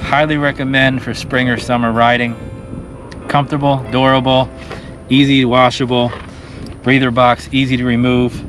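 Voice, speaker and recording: A man's voice: medium pitch, moderate pace, soft background music. Man talking through a cloth mask. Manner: relaxed, plain-spoken recommendations. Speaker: motorcycle vlogger reviewing gear. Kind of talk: casual product review.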